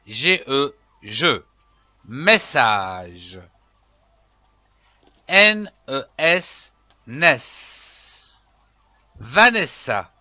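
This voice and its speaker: A man leads a children's phonics lesson at a very slow, deliberate pace, spelling each letter before blending it into a syllable. His voice is bright and sharp, and it rises and falls in lively swoops. The sound is dry and close. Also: mid-range voice, no room sound. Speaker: reading teacher.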